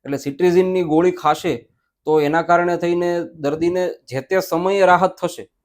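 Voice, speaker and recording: A man, an ENT doctor answering interview questions in a measured, explanatory way, mixing in English medical terms. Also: fairly high pitch.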